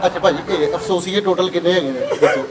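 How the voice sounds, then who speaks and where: A man's voice: sits high, quick pace, a loud crowd, rough recording. A man playing an eager, obliging helper in a comic sketch. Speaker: caterer's helper.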